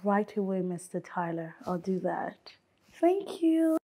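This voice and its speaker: An actress playing a gentle, devoted woman who soothes and coaxes her friend in a film drama. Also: medium pitch, sing-song, a little slow, low-quality recording. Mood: polite. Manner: soft, soothing, coaxing. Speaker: caring friend.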